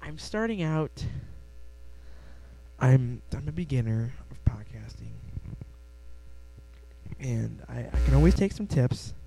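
This young man hosts his own laid-back podcast from a home room, talking with a Midwestern accent into a close desk mic while rambling, restarting, and putting himself down. His voice is medium-pitched, gravelly, and dark, animated yet slow with frequent pauses. The audio is poor, with slight background noise.

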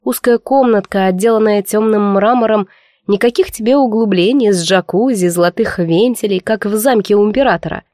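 A woman's voice: medium pitch, brisk, a little mellow, dry recording. Woman narrating a novel, dry close sound. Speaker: audiobook narrator. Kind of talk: first-person novel narration.

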